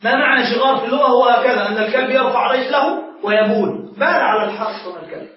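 A man's voice: very high voice, racing, a crowd in the background. A man, a sheikh, teaching a class and asking his students questions that he then answers himself. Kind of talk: classroom lecture. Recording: echoey room, far from the mic, dull lo-fi.

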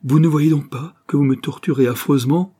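A man's voice: medium pitch, moderate pace, mellow, breathy edge, natural voice. A man voicing a distraught young woman, a grieving banker's daughter, in a pleading, emphatic audiobook reading.

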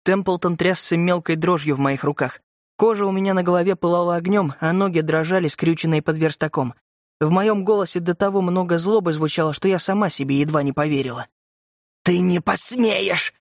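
A man's voice: high voice, brisk, dry recording, clean studio sound. A man narrating a horror audiobook in a tense, dramatic reading style. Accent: Russian. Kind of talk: scripted narration.

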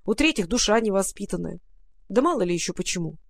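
A storyteller voicing an old, grumbling, soft-hearted male raccoon who sighs and mutters fussily. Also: medium pitch, lively intonation, fast, vocal fry. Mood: earnest. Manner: sighing, fussy muttering. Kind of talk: storybook reading.

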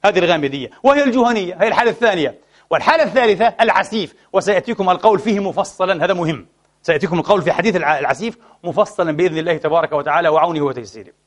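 A man preaching an impassioned sermon, addressing his listeners as brothers and swinging between soft and loud delivery, saddened and frustrated. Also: sits high, lively intonation, very fast. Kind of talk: Friday sermon.

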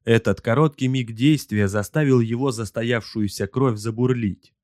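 A man narrating an audiobook in an even, steady reading. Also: mid-range voice, normal speed, dry recording, studio quality. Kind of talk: scripted narration.

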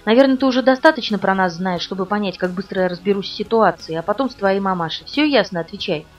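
A woman reading the lines of a calm, falsely polite male villain on the phone in an audiobook. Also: mid-range voice, fast, close to an everyday voice. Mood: cold, polite menace. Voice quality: pleasant tenor, falsely polite. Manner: calm, commanding, mocking. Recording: dull, distant recording with faint music.

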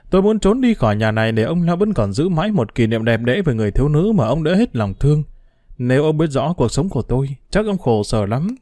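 Reading a diary novel told in the first person, this narrator sounds emotional and expressive, his dark, mellow voice swinging widely in pitch within each sentence. It's recorded close and dry, without echo.

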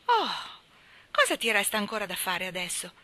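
A spirited young woman with a bright, clear tone, given voice by a woman reading a novel aloud. She talks bluntly and exclaims often, teasing with affection. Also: mid-range voice, big pitch swings, moderate pace, heavily acted. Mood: astonished, teasing. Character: lively young woman, blunt and warm-hearted.

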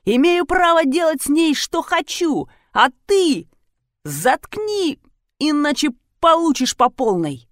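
A woman voicing an enraged man who yells threats at his wife in an audiobook. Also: high-pitched, sing-song, slow pace, no room sound, studio quality, voice pushed up, exaggerated voice. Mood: furious. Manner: yelling, abusive. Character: furious bullying husband, man, shouting threats.

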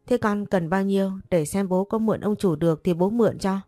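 A woman doing a gentle, patient father. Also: mid-range voice, brisk, no echo, studio quality, soft background music, lightly acted. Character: kind, patient working father.

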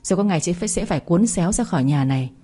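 A woman's voice: fairly low pitch, expressive, very fast, mellow, slightly rough. A woman voicing a spiteful young sister-in-law who sneers.

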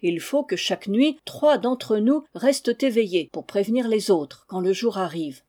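A woman reading aloud and voicing an excited rustic farmhand, speaking in a raised, eager voice. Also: mid-range voice, unhurried. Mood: earnest. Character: excited farmhand, grown man, rustic and talkative.

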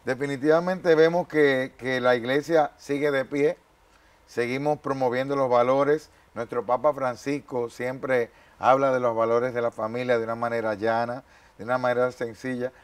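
A man hosting a television interview on a faith program, speaking formally with thanks and greetings. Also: mid-range voice.

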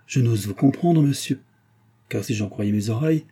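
A stiff, pompous older general speaks with formal, grave reserve, as a male reader plays him. His voice is dark, mellow and husky, dropping a touch low. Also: lively intonation, moderate pace. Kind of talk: audiobook reading.

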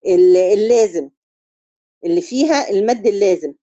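A woman with an Egyptian Arabic accent teaching a tajweed lesson on Quran recitation. She explains step by step, keeps checking that her students follow, and chants drawn-out syllables to show the correct reading. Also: medium pitch, warm tone, dry recording, highs cut off.

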